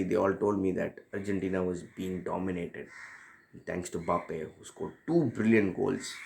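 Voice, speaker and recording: Low, gravelly man reminiscing. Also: darkish tone. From India. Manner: reflective, rambling, with frequent fillers and self-corrections. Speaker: football fan telling a personal story. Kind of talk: casual spoken storytelling.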